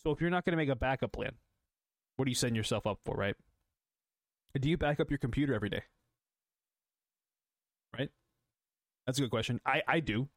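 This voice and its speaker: A man's voice: medium pitch, dry recording, studio quality. A young adult man hosting a solo motivational podcast, coaching listeners, repeating phrases and asking rhetorical questions. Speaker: podcast host.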